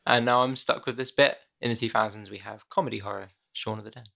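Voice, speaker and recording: Gravelly, bright-voiced man, laid-back. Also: fairly low pitch, fairly even intonation, fast. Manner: laid-back, self-mocking, chuckles often. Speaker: podcast co-host. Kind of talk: casual chat.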